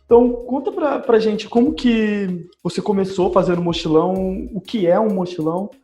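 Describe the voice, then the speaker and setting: A man's voice: high voice, normal speed, warm tone, echoey room, faint music behind. A man hosting a travel podcast who greets the listeners, plugs the show and asks his guests questions in an upbeat way. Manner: upbeat, addressing listeners directly. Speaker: podcast host and editor.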